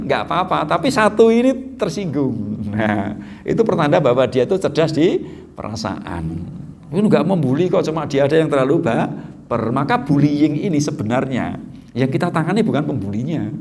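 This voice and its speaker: Lively man preaching to parents. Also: on the high side, a little hiss or hum. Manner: lively, jokey, acts out children's voices. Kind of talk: Islamic study lecture.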